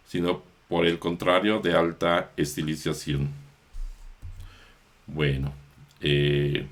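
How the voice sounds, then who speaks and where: A priest explaining how psalms are chanted, in a slow, measured lesson with small self-corrections. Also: male voice, low-pitched.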